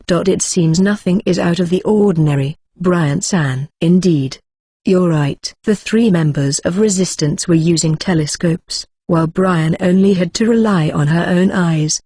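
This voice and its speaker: A synthetic-sounding voice reading a fantasy novel as the narrator, in an even, steady delivery. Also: mid-range voice, breathy edge, no echo, studio quality. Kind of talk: scripted audiobook narration.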